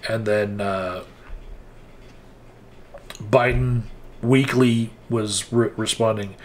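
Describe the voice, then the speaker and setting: A man's voice: lowish voice, steady tone, very slow, slight background noise. A man giving a frank, wry, casual spoken recap with hesitant restarts, as a political commentator.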